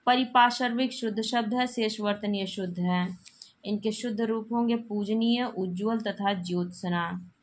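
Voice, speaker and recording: At a normal speed and in a mid-range voice, a woman teaches Hindi grammar by reading exam spelling questions and explaining the correct forms. She repeats them often, coughing now and then.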